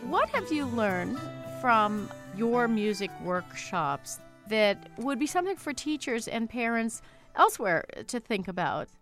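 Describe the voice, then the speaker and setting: A woman who hosts a radio news program, asking measured, unhurried questions and introducing the segment. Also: fairly high pitch, big pitch swings, a bit bright, faint music behind. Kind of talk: radio interview and news presenting.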